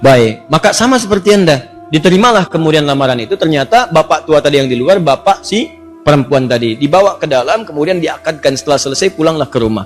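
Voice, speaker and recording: A man preaching a storytelling sermon in a lively way, voicing the characters and asking the congregation questions. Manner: lively, jumps to high voices for characters, asks the audience questions.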